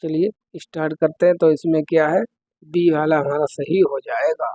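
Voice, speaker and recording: A man's voice: on the high side, steady tone, moderate pace, warm tone, poor audio. A man teaching an exam-prep lesson, working through quiz questions step by step and putting questions to the listener.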